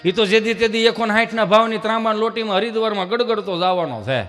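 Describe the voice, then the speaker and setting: This folk comedian's voice is high, fast and fairly bright, with soft music in the background and the long reverb of a big hall. Speaking at a stage microphone in a Saurashtra Gujarati accent, he spins jokes live, chatting away and dropping into quoted dialogue.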